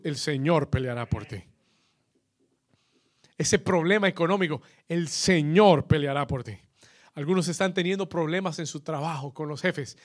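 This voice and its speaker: A bilingual pastor, his voice sitting high for a man. He preaches with bursts of shouted emphasis and repeats each line in English. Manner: preaching with surging, shouted emphasis, then quieter and intimate. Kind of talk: bilingual sermon with self-translation.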